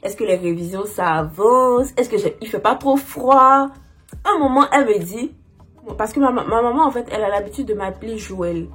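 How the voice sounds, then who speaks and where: A young woman telling a personal story in a casual, chatty way, full of fillers, with a husky voice. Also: on the high side, animated, normal speed, fairly bright tone, soft background music. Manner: chatty, lots of "genre" and "en fait" fillers.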